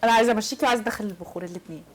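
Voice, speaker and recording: A woman with an Egyptian accent hosting a prank show, arguing loudly and defiantly, throwing back short repeated retorts. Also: medium pitch, rapid-fire, faint music behind. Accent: Egyptian Arabic. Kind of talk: heated argument with a guest.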